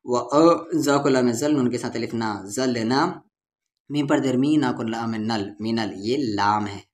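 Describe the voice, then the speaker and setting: A man's voice: medium pitch, fairly even intonation, unhurried. A man with an Urdu-Hindustani accent teaching Quran reading, patiently spelling out syllables and drawing out the vowels. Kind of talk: letter-by-letter recitation lesson.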